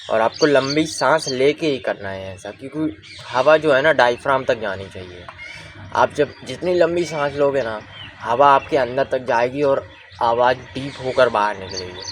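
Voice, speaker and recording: A young man coaching viewers through breathing and voice exercises in a relaxed, conversational lesson. He explains step by step and keeps checking that listeners follow him. His pitch sits in an ordinary middle range, with faint birdsong in the background. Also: normal speed, slight background noise. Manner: explains patiently and asks listeners to follow along. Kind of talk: casual spoken tutorial.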